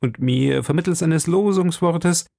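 A man's voice: fairly high pitch, measured pace, gravelly, dark tone, no echo, clean studio sound, voice pushed up. A man voicing a frightened young woman in hiding, pleading urgently with her rescuer in a raised voice. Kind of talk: audiobook character voice.

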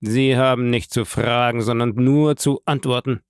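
Cold commanding prosecutor, cutting and sharp, voiced by a male reader; gravelly, close and dry. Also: mid-range voice, fairly even intonation, moderate pace, no echo, close to an everyday voice.

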